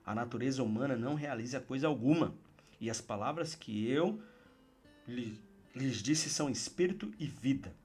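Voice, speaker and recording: An earnest male pastor with a Brazilian Portuguese accent reads scripture and then preaches on it, urging his listeners one moment and speaking softly and closely the next. His pitch sits in an ordinary middle range for a man. A faint guitar plays quietly underneath. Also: normal speed, breathy edge. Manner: earnest, exhorting, drops into soft intimate tones. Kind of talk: Bible reading with devotional commentary. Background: faint guitar music.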